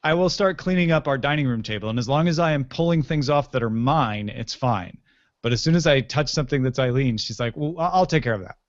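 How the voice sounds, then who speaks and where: A man hosting a podcast, chatting in a relaxed, joking, friendly way after the show. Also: medium pitch, a little fast, dry recording, muffled recording. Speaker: podcast host. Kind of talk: casual after-show chat.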